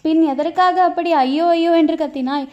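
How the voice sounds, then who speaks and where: A woman reading as a sharp-tongued young boatwoman. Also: very high voice, steady tone. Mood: mocking. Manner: mocking, quick-witted retorts. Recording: dull lo-fi recording.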